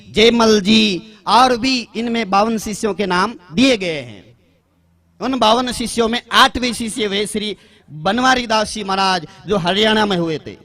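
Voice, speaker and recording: A man addressing a religious gathering in a formal public talk, reading out a long list of names in slow, repeated phrasing. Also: high-pitched, a bit bright.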